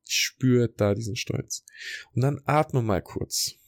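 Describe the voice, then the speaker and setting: A man hosting a podcast, giving a motivational talk straight to the listener and slowing down for guided reflection exercises. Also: medium pitch, dry recording, studio quality. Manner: direct, coaching, addresses listener as du. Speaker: podcast host and speaker. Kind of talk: motivational talk, rehearsing a keynote.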